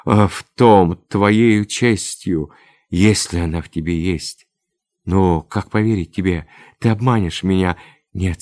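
A man's voice: lowish voice, a little mellow, no echo, clean studio sound. A man reading aloud, voicing a frightened but defiant young woman in a storybook tale, pleading and tearful.

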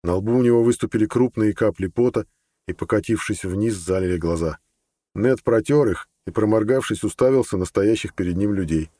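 A man narrating a fantasy audiobook in an even storytelling manner. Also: fairly low pitch, a little fast, dry recording. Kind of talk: scripted narration.

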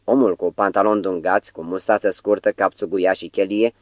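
A man reads a literary novel aloud in a measured, even delivery. His voice is low, and the recording is dry and close. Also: no room sound. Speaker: audiobook reader. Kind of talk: literary audiobook narration.

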